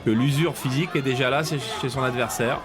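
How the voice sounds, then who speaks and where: A man giving live combat sports commentary in measured, admiring phrases. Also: mid-range voice, fairly even intonation. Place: ringside in a packed arena. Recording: loud arena crowd and noise behind.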